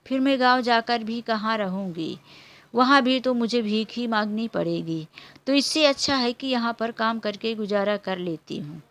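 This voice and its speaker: A woman's voice: fairly high pitch, animated, moderate pace, a bit bright. A woman doing a humble, caring housemaid. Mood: earnest. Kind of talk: storybook character voice.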